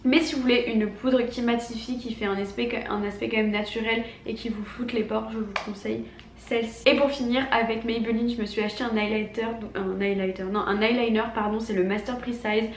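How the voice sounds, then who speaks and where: A woman's voice: fairly high pitch, steady tone, fairly quick. A young woman with a honking, stuffed-up nasal voice speaks with an accent from France. She chats informally and emphatically, like a beauty vlogger, in an echoey room with faint background noise. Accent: French from France. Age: young adult. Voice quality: honking, duck-like nasal voice from congestion. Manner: informal, filler-heavy, emphatic. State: congested, sick with a cold. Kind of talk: casual chatty product haul.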